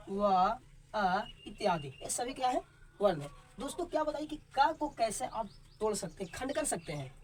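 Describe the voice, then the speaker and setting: A male teacher gives a class lesson at a board, quizzing his viewers and checking "okay?" after almost every line. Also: sits high. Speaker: Hindi teacher. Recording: voice a bit far from the mic, faint background noise.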